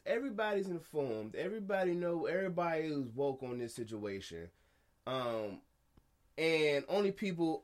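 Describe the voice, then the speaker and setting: A man co-hosting a casual discussion podcast, arguing his point in an animated, emphatic way, restarting his sentences and using slang. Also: on the high side. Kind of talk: casual debate chat.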